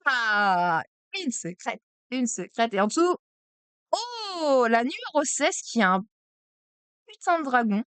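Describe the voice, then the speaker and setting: Woman opening cards on stream, smooth clear voice, dry close mic, gets all excited. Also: fairly high pitch, takes it slowly, long pauses, no echo. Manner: chatty, excitable, exclaims at each card. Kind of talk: casual card-opening stream. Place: at home desk.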